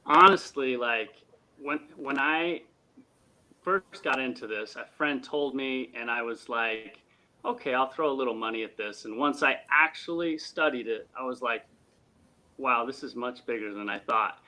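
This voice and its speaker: A man talking as a guest in a casual interview, earnest and animated, with sports analogies. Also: medium pitch, measured pace.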